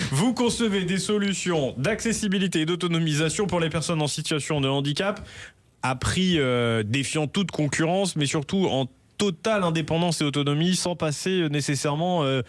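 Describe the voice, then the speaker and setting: A man hosting a radio talk show, speaking with many hesitations and light jokes. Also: on the high side. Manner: hesitant, many fillers, jokey. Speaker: radio host.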